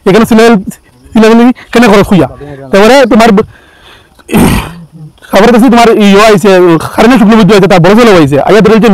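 High-pitched, hurried eyewitness. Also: male voice, no echo, rough recording. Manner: hurried, with frequent restarts and fillers. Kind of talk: spoken account to camera.

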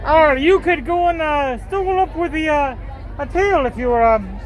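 A woman vlogger walks along an outdoor convention promenade, offering casual commentary in a put-on pirate manner punctuated by growled "arr" interjections. Her high voice moves at normal speed over faint crowd chatter, and the recording quality is low.

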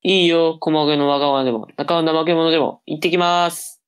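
A woman's voice: sits low, fairly even intonation, fairly quick, clean tone, close to an everyday voice. A woman voicing a cocky, teasing young older brother in a comic tongue-twister reading drama. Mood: reluctant, cheeky.

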